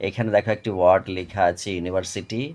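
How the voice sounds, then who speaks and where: A man teaching a lesson at a board, explaining slowly and patiently, spelling out words and often checking with "okay?". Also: low-pitched, steady tone, a little mellow. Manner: slow, patient, repeats "okay?" to check understanding; spells words out and breaks them into parts. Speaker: tutor.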